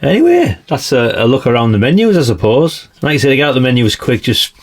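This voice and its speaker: A man with a slightly croaky voice, chatting casually through a radio review and tossing in tag questions. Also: mid-range voice, quick pace. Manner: chatty, adds tag questions like "isn't it, really?". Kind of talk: casual product demonstration.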